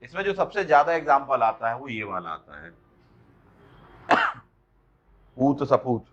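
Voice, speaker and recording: Male exam-prep teacher, fairly high, bright voice, explanatory, quizzing the class, dull lo-fi sound. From India. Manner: explanatory, checks understanding with questions; reads example lines slowly and deliberately.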